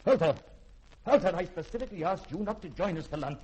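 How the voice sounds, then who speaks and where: Here the actor's scientist, middle-aged, learned and secretive, from a 1950s radio drama, sounds stern. His male voice sits high and is expressive and fast, with a darkish tone and a husky edge on polished, formal, theatrical sentences.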